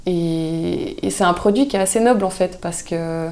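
A woman, a guest chatting casually in an interview, relaxed and thoughtful with frequent hesitations. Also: fairly low pitch, normal speed. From Switzerland. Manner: relaxed, thoughtful, many hesitations, laughs easily. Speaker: guest, soap maker.

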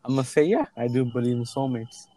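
A man's voice: mid-range voice, fast talker, warm tone, rough recording. A young man co-hosting a casual chat, joking around and slipping into silly voices. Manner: joking, playful, jumps into silly put-on voices. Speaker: podcast co-host.

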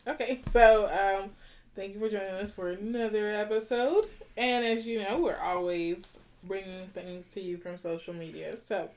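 Woman cohosting a relationship podcast, lively and playful, laughs a lot. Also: mid-range voice, normal speed. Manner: animated, laughing, teasing. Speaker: podcast co-host. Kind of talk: casual relationship podcast chat.

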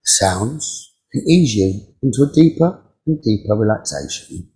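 A male meditation teacher guides a session, his voice on the low side, offering calm, soothing instructions broken up by frequent pauses.

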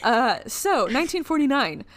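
A woman's voice: high-pitched, very animated, normal speed, a crowd in the background. A woman co-hosting a podcast, telling a history story in a rambling, casual way and laughing often. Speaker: podcast co-host.

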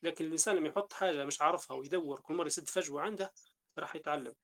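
A man's voice: a little high, racing, a bit bright. A man with a Libyan Arabic accent hosting a casual podcast conversation, talking through ideas at length and often restarting his sentences. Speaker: podcast host.

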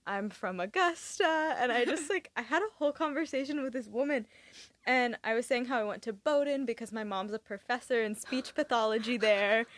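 A woman's voice: fairly high pitch, fairly quick, no echo. Sarcastic young woman, dry close sound. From California. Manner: chatty, dry sarcastic asides. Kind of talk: casual chat.

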